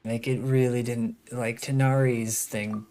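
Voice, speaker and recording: This is a mid-range voice that barely moves in pitch and keeps a measured pace. A video game streamer talks casually over game music, musing aloud and dropping sarcastic, opinionated remarks.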